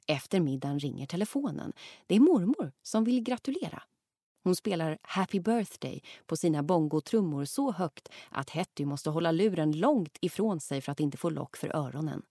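A woman narrating a children's audiobook, reading lively and acting out the lines. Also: low-pitched, no room sound, studio quality. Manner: lively, acts out the characters' lines.

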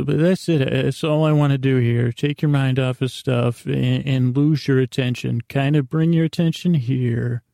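A podcast host delivers a rambling, improvised bedtime monologue, meandering and halting with stammered restarts. His gravelly, medium-pitched voice sounds self-deprecating yet gently reassuring, captured in clean studio audio with no room sound.

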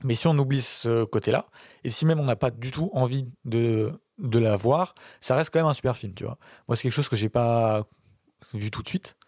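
On a casual film podcast, a man defends his movie choice, hesitating often and filling his speech with fillers and restarts. His voice sits at a medium pitch with a darkish tone and moves at a normal speed. The recording is dry and clean, like a studio.

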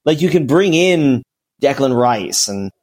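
A man's voice: medium pitch, animated, measured pace, darkish tone. A man co-hosting a casual sports podcast, talking at length with frequent restarts and filler words. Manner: rambling, full of restarts and "you know". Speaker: podcast co-host. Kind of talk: casual chat.

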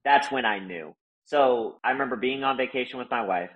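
A man's voice: mid-range voice, a little fast, a bit bright, rough recording. A man telling his business founder story in a casual interview, earnest and loose, full of "like" and "right?".

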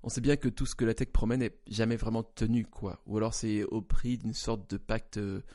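A man with a gravelly, broken, slightly wheezy hoarse voice, talking conversationally and haltingly as he searches for words. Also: fairly low pitch, level tone, warm tone. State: hoarse for a few days. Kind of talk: conversational opinion discussion.

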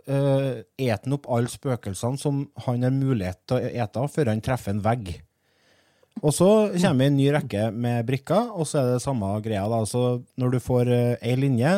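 A man's voice: medium pitch, warm tone, dry recording, studio quality. A man of forty presenting a podcast in a casual, chatty style. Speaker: podcast host.

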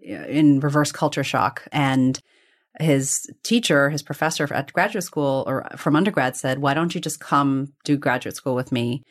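A woman with an extremely low-pitched voice is interviewed as a guest, telling personal stories in a reflective, conversational, discursive way. She frequently qualifies and corrects herself.

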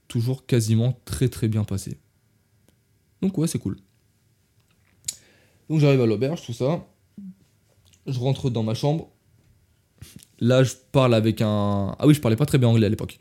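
This young adult man from France has a warm voice pitched in the middle range. On his laid-back podcast he spins meandering travel tales, often backtracking to fix his words and speaking directly to the audience as "les gars."

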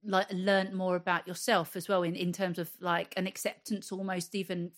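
A woman's voice: on the low side, little pitch movement, moderate pace. A woman hosting a podcast interview, encouraging her guest and asking open questions. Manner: encouraging, listens with short replies and laughs. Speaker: podcast host.

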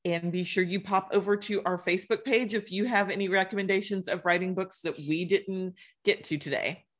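A woman co-hosting a podcast, giving an upbeat, brisk sign-off. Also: on the low side, fairly even intonation. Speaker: podcast co-host. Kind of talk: podcast outro.

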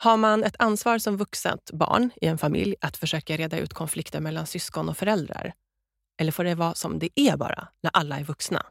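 Woman co-host, gravelly voice, playful chat, dry close sound. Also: low voice, no room sound. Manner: chatty, playful, mixes in English phrases. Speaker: podcast co-host. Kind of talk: casual podcast chat.

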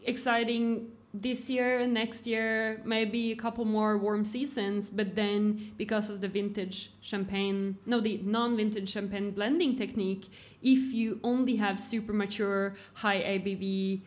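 A woman's voice: medium pitch, flat delivery, a little slow, hardly any pauses. A woman hosting a live podcast interview, guiding the talk with curious questions. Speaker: podcast host.

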